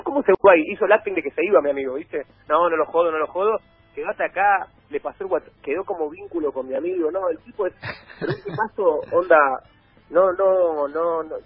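Guesting in a relaxed conversation, a man with a husky, slightly high voice and an Argentine Spanish accent spins long stories, rambling and frequently restarting. It's a dry, phone-like recording.

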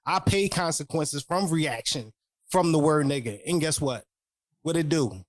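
A man's voice: on the high side, expressive, measured pace, dry recording, studio quality. A middle-aged man arguing insistently in a heated casual debate, heard through a crackling, distorted microphone. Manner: insistent, keeps asking "you know what I'm saying". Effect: crackling, distorted mic. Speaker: podcast panelist.

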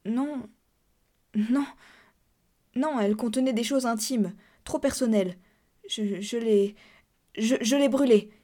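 A tormented young society woman pleads in a high, trembling voice that stammers and breaks under strain, as a woman reading a story puts her on. The tone stays soft and mellow, sitting well above the reader's own speaking voice. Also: a little slow. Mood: flustered.

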